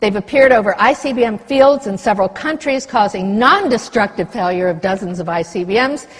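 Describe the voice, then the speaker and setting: An older woman at a conference lectern, speaking with passion and breaking off from the text she reads for sharp asides. Her voice is husky and a little breathy, and the long reverb of a big hall trails after every phrase. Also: medium pitch, animated, fairly quick. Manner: impassioned, reads treaty text aloud with asides. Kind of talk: conference speech.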